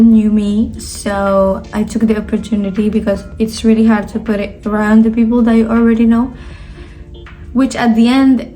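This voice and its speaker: Sitting at her sister's home, a Spanish vlogger of nineteen rambles casually through a question-and-answer video, full of fillers and self-corrections. Her voice is a little high with a dark tone, and the recording is rough.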